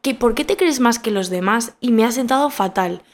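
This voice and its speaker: Hosting her podcast, a twenty-something woman from Spain recounts a story in a lively, relaxed way, repeating things for emphasis. She speaks with a Spanish accent at a moderate pace, her pitch fairly high.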